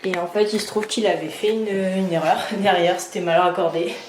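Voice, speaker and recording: A woman's voice: medium pitch, fairly even intonation, moderate pace, slight background noise. A woman renovating her own bathroom talks casually to the camera, venting her annoyance with lots of fillers and restarts. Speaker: DIY renovation vlogger. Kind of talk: casual vlog talk. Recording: echoey room.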